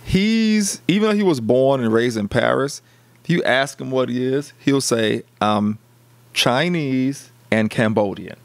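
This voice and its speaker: Unhurried and expressive, this middle-aged co-host from the United States speaks in a medium-pitched voice during a casual podcast discussion. He stammers and restarts often.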